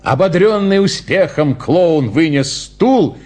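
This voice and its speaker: A man narrating a story with lively, expressive storytelling. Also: a little high, slow. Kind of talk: storybook reading.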